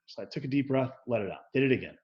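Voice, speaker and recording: A man tells his own story as an interview guest, candid and unfiltered, with frequent swearing. He slips into lively re-enactments of what people said to him. The audio sounds slightly dull and lo-fi. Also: mid-range voice, very fast. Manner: profane, animated, acts out quoted dialogue.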